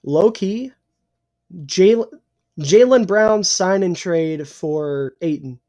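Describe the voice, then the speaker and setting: Young guy ranting hot takes on a sports pod, kinda hoarse, swears a lot. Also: sits high, extremely slow, darkish tone. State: losing his voice, clearing his throat. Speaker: podcast co-host. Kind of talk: casual sports chat.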